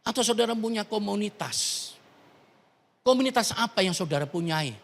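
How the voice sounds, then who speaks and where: A man's voice: sits high, expressive, normal speed. A man preaching a sermon as pastor, calling out to the congregation with rising, emphatic questions. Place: large church hall. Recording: long hall reverb.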